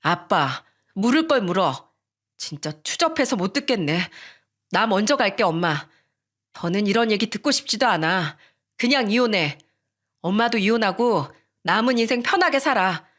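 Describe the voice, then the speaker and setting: A blunt grown daughter, voiced by a woman narrator, curt and fed up. Lower than the narrator's usual tone, told storybook style. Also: lively intonation, normal speed, a bit bright. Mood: disgusted.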